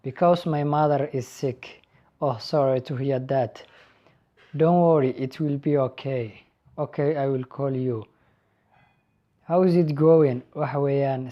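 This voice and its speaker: A young man with a Somali accent teaches an English lesson, reading sample dialogues and translating them. His medium-pitched voice reads each English line slowly and a little louder, then drops to a quieter tone for the translation and explanation. The recording sounds muffled.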